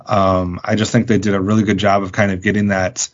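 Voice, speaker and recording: A man co-hosting a podcast in a relaxed, rambling casual chat. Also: on the low side, a little fast. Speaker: podcast co-host. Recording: dull lo-fi podcast audio.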